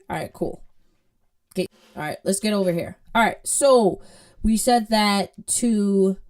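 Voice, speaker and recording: A coding tutor from Jamaica, speaking with a Jamaican accent in a mid-range, darkish voice, teaches a casual screen-share lesson. She's playful and chatty, often checking in with her listeners.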